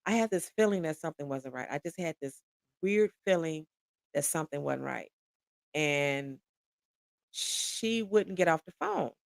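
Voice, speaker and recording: Creaky-voiced woman telling a story. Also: deep voice, unhurried, no room sound. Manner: animated, conversational retelling. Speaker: podcast guest. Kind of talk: personal storytelling.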